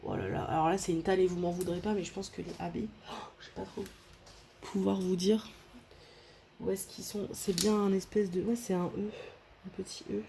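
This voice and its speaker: Chatty French woman with a mellow voice. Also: medium pitch, little pitch movement, normal speed, creaky, long pauses, a little hiss or hum. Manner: chatty, rambling, many restarts, thinks aloud. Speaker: diamond painting vlogger. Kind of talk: casual unboxing chat to camera.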